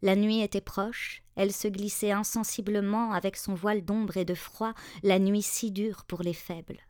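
A woman narrating a fairy tale in a measured, expressive reading voice. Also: medium pitch, no echo, clean studio sound. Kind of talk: storybook narration.

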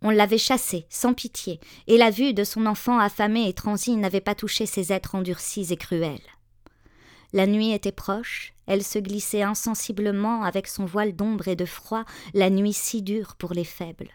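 A woman's voice: medium pitch, clean tone, no room sound, clean studio sound. Woman reading a storybook tale. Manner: measured, expressive. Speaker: narrator.

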